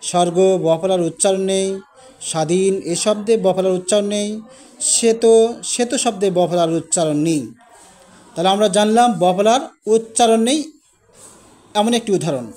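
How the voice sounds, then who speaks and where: A man's voice: high-pitched, mellow. A man with a Bangladeshi Bengali accent teaching a grammar lesson, going step by step and repeating each example word.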